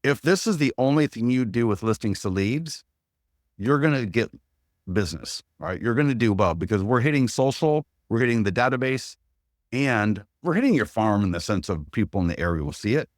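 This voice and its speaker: A man's voice: mid-range voice, expressive, a little fast, no room sound, studio quality. A man presenting an instructional webinar, walking through steps as a checklist in an upbeat, practical way.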